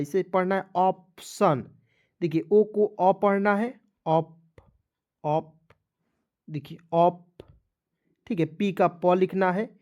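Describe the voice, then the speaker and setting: A man from India teaching English pronunciation, spelling words out slowly, letter by letter, and repeating them. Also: high-pitched, darkish tone. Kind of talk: classroom-style phonics lesson.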